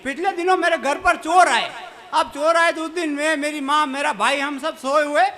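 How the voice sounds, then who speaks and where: A man with a Mewari accent tells comic stories on stage in a high, bright voice. He chuckles through the telling and slows down for his recited verses. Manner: lively storytelling, chuckling. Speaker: stand-up comic poet. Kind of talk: live comic poetry storytelling.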